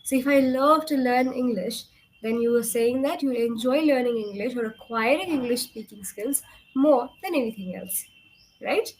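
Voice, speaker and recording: A young woman from Kolkata, India, an English communication tutor with an Indian accent, teaches a one-on-one lesson instructively, frequently asking check questions. Her voice is a little high and a little mellow at normal speed, and the audio is poor.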